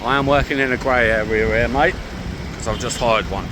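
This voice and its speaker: A man's voice: medium pitch, fairly quick. A young British man talking casually to the camera as a travel vlogger, thinking aloud and calling everyone "mate". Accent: British English. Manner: chatty, thinking aloud, keeps saying "mate". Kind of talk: casual vlog talk to camera. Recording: loud street noise behind the voice.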